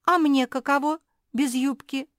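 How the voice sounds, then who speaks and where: A woman's voice: sits high, level tone, normal speed, dry recording, clean studio sound, pitched above the performer's own voice, lightly acted. A woman voicing a shy young girl who squeals and whines. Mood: squealing. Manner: squealing, whiny.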